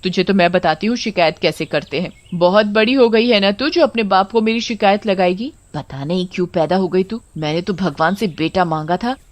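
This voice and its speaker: A woman's voice: on the low side, fairly quick, few pauses, dry recording, lightly acted. A woman voicing a cruel, harsh mother who scolds her daughter shrilly.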